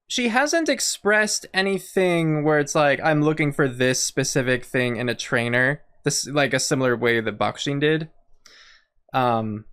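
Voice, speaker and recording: A woman commenting casually on a game as she plays, thinking aloud in a chatty way. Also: low voice. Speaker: game streamer. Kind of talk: casual let's-play commentary.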